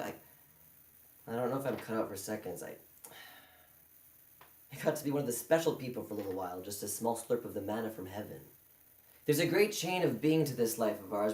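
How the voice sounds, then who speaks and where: A man's voice: mid-range voice, a little mellow, lightly acted. A man performing a live stage monologue as a bitter, self-loathing failure, sardonic and crude. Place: indoor performance hall. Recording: echoey hall.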